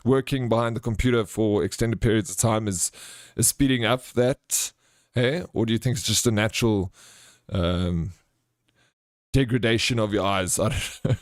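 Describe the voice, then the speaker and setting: A man's voice: lowish voice, moderate pace, no room sound. South African man, dry close-sounding streamer chat. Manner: chummy, informal, calls viewers bro and friend. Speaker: livestream host. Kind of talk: casual livestream chat, reading out and answering viewer comments.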